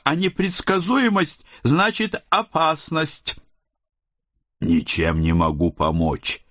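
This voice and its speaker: A man reading a first-person audiobook in a calm, measured, dryly ironic manner. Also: low voice, no echo, studio quality. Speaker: audiobook narrator.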